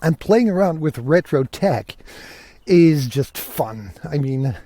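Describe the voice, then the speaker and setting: Out on a walk through the fields, a Belgian podcast host talks on his own into a portable rig. His voice is fairly high and warm with lively intonation, yet he speaks slowly, keeping things casual, chatty and enthusiastic.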